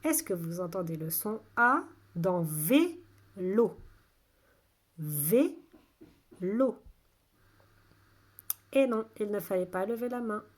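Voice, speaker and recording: A woman teaching a phonics lesson to young children, saying each word slowly twice in an exaggerated way, patient and clear. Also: medium pitch, lively intonation. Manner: slow, exaggerated word pronunciation. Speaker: kindergarten teacher.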